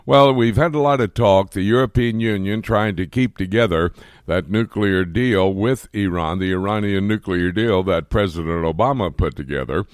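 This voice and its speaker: Male radio host, low voice, dry studio sound, conversational. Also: normal speed, no echo. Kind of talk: radio talk show.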